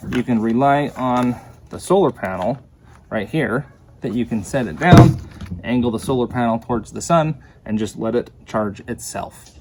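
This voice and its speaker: Speaking at a medium pitch with a slightly mellow quality, a man reviews a product in a relaxed, hands-on demo and explains it in plain terms. The audio is clear but carries background noise.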